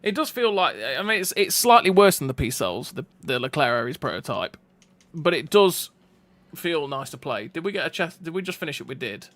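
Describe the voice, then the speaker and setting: A man's voice: a little high, big pitch swings, fairly bright tone. A man giving casual gameplay commentary, chatty and thinking aloud as he plays. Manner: chatty, thinks aloud with restarts and quick reactions.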